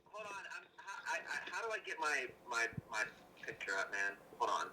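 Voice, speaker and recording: A man's voice: fairly high pitch, sing-song, moderate pace, poor audio. A man calling in on speakerphone, fumbling and distracted, talking in broken starts. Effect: heard through a phone on speakerphone. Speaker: caller. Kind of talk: casual podcast call-in chat. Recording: faint speakerphone voice with crowd noise.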